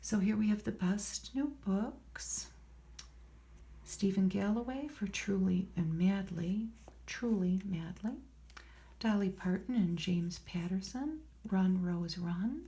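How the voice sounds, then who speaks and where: A woman speaking in a soft, hushed, often whispered ASMR voice, reading from a magazine with unhurried, murmured, rambling asides to herself. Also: medium pitch. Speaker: ASMR host. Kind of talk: soft-spoken ASMR magazine read-through with casual commentary.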